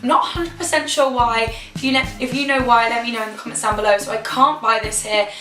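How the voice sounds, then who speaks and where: A young British woman chats enthusiastically to camera as a beauty vlogger, her hoarse, slightly high voice fast, pushed and bright but steady in tone, and she repeats words for emphasis. The camera mic picks her up from a distance in an echoey room, with faint music in the background.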